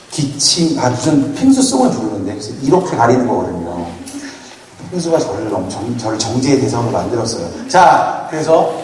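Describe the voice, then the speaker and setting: A man's voice: medium pitch, darkish tone. Playful man preaching in an echoey hall. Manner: playful, asks the audience questions. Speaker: retreat speaker. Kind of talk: lively youth sermon with jokes. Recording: echoey hall, mic from far off, faint noise.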